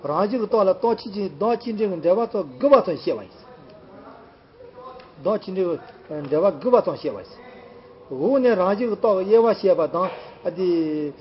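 High-voiced man rambling on a lo-fi recording. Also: animated, fairly quick. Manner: rambling, repetitive, many fillers. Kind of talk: casual chat. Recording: dull lo-fi recording.

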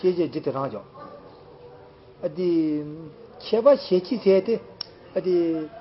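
A man with a high-pitched voice talks casually, circling back over the same phrases with many fillers. The sound is dull and lo-fi, like an old home recording. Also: animated, unhurried. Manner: rambling, repetitive, many fillers. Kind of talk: casual chat.

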